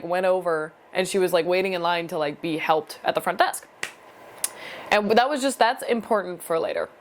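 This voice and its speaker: A woman's voice: medium pitch, slight background noise. Chatty young woman telling a story. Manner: chatty, leans heavily on "like" as filler. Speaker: vlogger. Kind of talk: casual storytelling vlog.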